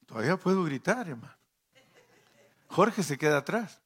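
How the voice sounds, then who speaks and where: A man's voice: on the high side, big pitch swings, moderate pace, a bit bright, slightly rough. A man preaching a fervent sermon in church, calling listeners brother and leading them into prayer. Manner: impassioned, addresses listeners as brother. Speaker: pastor.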